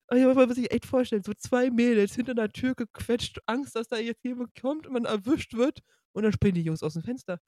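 A woman's voice: on the high side, moderate pace, pauses often, mellow, no echo. A woman podcast guest telling a dramatic story, acting out quotes and sound effects. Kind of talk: animated storytelling.

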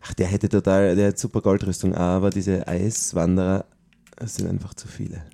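Low, gravelly-voiced chatty father. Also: moderate pace. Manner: chatty, easily excited, searching for words. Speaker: father playing a game with his child, podcast co-host. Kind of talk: casual gaming chat.

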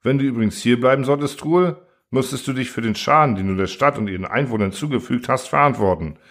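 A man's voice: mid-range voice, quick pace, fairly bright tone, pitched above the performer's own voice, lightly acted. A man voicing a stern, helpless mayor who speaks formally.

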